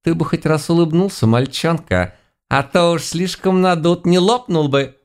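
A man voicing a feisty, sharp-tongued old witch woman in a folksy scolding way. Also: fairly high pitch, moderate pace, clear, resonant tone, voice pushed up, lightly acted. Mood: mocking.

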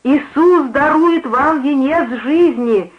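A fervent woman street preacher, shrill and exalted, crying out her warnings high and loud as a reader acts her out. The sound is muffled and lo-fi. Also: expressive, unhurried. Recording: muffled lo-fi recording.

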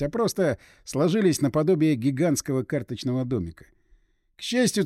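Man narrating first-person audiobook, brisk expressive reading, bit high, dry close mic. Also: no echo.

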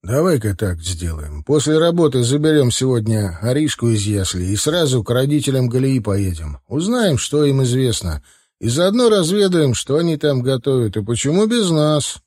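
A man's voice: medium pitch, big pitch swings, normal speed, a little mellow. A male audiobook reader voicing a worried middle-aged husband who asks pressing questions. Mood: planning.

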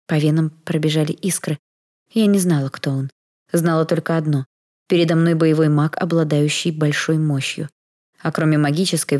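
Woman, low voice, first-person audiobook narration, soft and even.

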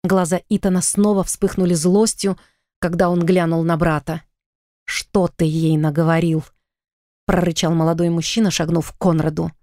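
Woman, audiobook narrator, steady first-person reading, slightly low voice, dry close sound. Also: fairly quick, no room sound.

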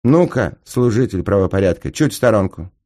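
Audiobook: male reader as a sneering young card-sharp, smooth, theatrical. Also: fairly low pitch, animated, brisk, voice pushed up.

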